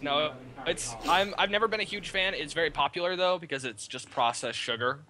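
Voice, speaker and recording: Bright-voiced American man, chatty. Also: on the high side, a little fast. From United States. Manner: chatty, laughs often. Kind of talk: casual chat on a game stream.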